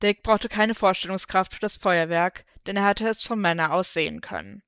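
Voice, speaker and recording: Brief: woman narrator, story reading, smooth clear voice, dry close recording. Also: mid-range voice, moderate pace, a bit bright, dry recording. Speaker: fanfiction reader. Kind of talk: scripted narration of a fan story.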